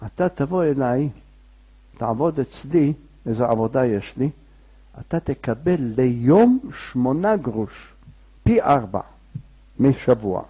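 Man doing a low, persuasive employer. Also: expressive, long pauses, breathy edge, muffled recording. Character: smooth-talking man hiring a worker.

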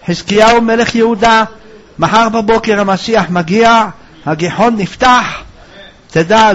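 A rabbi teaching a religious lesson, telling a story in an animated way and acting out its voices. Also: male voice, high voice. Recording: dull lo-fi recording.

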